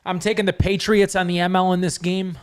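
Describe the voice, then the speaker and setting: A man co-hosting a casual sports betting show, self-mocking and a bit halting. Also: high voice, flat delivery, smooth. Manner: self-deprecating, halting, laughs through his words. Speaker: sports betting podcast co-host.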